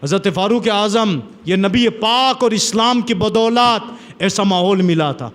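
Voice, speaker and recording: A man preaching a sermon, retelling old stories with dramatic, repetitive emphasis. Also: high voice. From India. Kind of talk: sermon storytelling.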